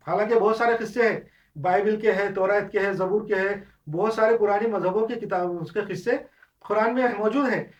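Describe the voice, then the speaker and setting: An Islamic teacher delivers an unscripted lecture in Hindustani, walking through points step by step and mixing in many English terms. He often restarts and uses filler sounds, and his high voice comes from a distant mic with the highs cut off.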